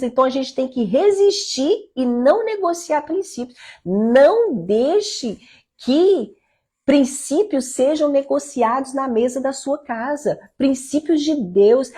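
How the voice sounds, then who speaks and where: A woman's voice: sits high, warm tone, breathy edge. A middle-aged woman giving informal devotional teaching to mothers from her home, earnest and exhorting. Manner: earnest, exhorting, quotes her own talks with her son. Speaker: leader of a mothers' prayer group.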